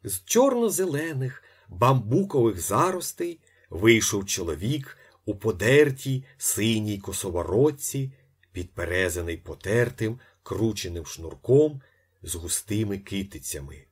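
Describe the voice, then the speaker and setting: A man reading a literary novel aloud as its narrator, with expressive swings in his voice. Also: a little slow, husky. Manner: expressive, with lively pitch swings.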